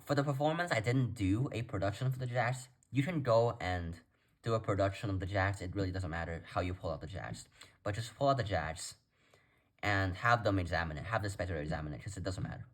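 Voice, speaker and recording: A man's voice: low-pitched, fairly bright tone. A man giving a casual step-by-step tutorial as presenter, talking informally and directly to viewers. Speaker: card trick tutorial presenter.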